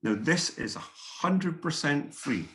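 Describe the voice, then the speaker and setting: A slight hiss or hum accompanies a fairly high-pitched, fairly bright male voice with lively intonation and a slow pace. He is a middle-aged Scot with a Scottish accent presenting a workshop by video call as a guest speaker, earnest and often repeating words.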